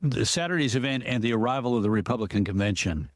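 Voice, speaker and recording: Man, political analyst guest, measured and explanatory, dry close sound, mid pitch. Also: lively intonation, dry recording. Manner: measured, explanatory, often restarts sentences. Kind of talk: podcast interview.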